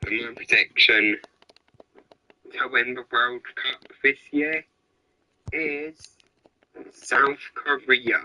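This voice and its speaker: A tired man giving casual, low-key commentary while playing a football video game, trailing off into whispered asides. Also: very slow, pauses often, pushed and bright, low-quality recording. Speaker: gamer.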